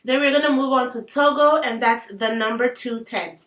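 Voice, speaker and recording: Her voice is on the high side and a bit bright, at a moderate pace. The African-accented beauty vlogger chats through a makeup tutorial with playful asides, and the sound is roomy from a distant mic.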